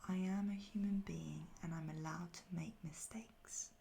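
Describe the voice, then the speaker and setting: A woman delivers a whispered pep talk in the style of ASMR affirmations, low and softly breathy. Her delivery is very even and unhurried, with creaky edges. Phrases come slowly and repeat after pauses. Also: slight background noise. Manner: soft, breathy near-whisper.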